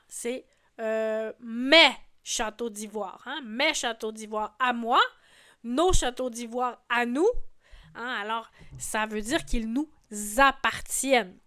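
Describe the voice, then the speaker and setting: A woman's voice: a little high, bright, forceful tone, smooth, dry recording, clean studio sound. A woman in her forties, a French teacher patiently explaining song lyrics and grammar, often checking in with "hein". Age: 40s. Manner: patient, didactic, frequent "hein" fillers.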